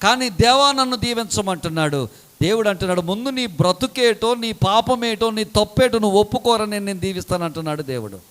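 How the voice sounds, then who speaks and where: A man preaching a sermon dramatically, swinging between loud calls and low, quiet asides. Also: brisk.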